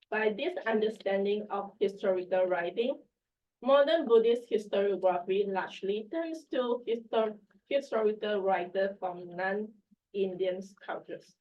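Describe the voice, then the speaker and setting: A woman with a sick voice, clearing her throat, reading an academic paper in at a lecture-room symposium. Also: medium pitch. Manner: reads a prepared paper, measured. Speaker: academic presenter. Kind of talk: conference paper presentation. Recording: distant, dull room mic.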